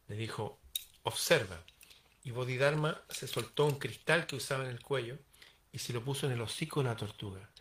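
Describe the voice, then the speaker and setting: A man's voice: mid-range voice, normal speed, a bit bright, slight background noise. A man telling a parable aloud, acting out the dialogue in varied voices. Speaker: storyteller. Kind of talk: oral storytelling of a parable.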